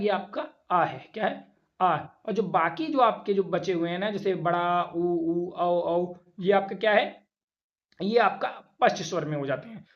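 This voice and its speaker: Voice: medium pitch, highs cut off. A teacher giving an exam-prep lecture, who keeps asking rhetorical questions, answers them, and stretches out vowel sounds to demonstrate them. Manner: drawn-out, repeated vowel demonstrations.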